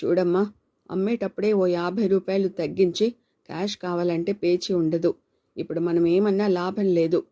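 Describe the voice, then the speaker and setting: A stern, blunt middle-aged man from a storybook, firm and scolding, read in a woman's own low, mellow voice. He speaks plainly and means every word. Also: fairly even intonation, moderate pace.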